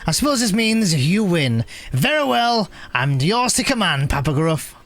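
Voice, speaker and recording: A man's voice: sits high, very animated, unhurried, fairly bright tone, heavily acted. A man voicing a melodramatic male rival in a video game who takes defeat dramatically.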